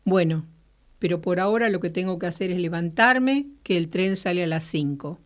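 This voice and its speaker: Woman reading a weary anxious young salesman, lowish voice, musing inner monologue, storybook read. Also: moderate pace, natural voice.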